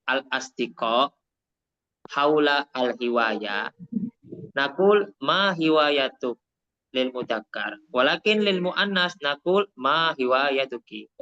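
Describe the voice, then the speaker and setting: The audio is dull as an Indonesian man, Javanese accent audible, runs an online Arabic class in a mid-range, pushed, bright voice. He explains by repeating things slowly and moving between Indonesian and Arabic.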